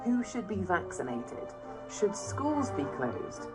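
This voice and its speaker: A woman with a British accent presenting and narrating a documentary in a clear, measured, explanatory way. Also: medium pitch, very animated, low-quality recording. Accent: British English. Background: documentary music.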